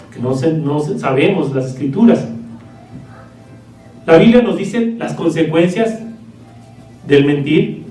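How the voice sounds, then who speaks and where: A man delivers a sermon in a conversational, teaching manner, often pausing to check that his listeners follow. His voice is mellow and sits fairly high for a man. He is recorded from some way off in a reverberant church, with faint music underneath. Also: recorded from a distance. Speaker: preacher. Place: church hall.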